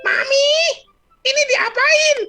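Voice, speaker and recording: A man's voice: expressive, normal speed, gravelly, full character voice. A man voicing a sulky young boy who whines and protests in a children's story. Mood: demanding. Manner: whining, protesting, shrill.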